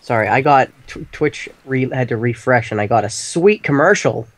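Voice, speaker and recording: A man co-hosting a game stream as commentator, goofy and jokey with deadpan asides. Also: mid-range voice, moderate pace, dry recording. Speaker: co-host commentator. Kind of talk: casual let's-play chat.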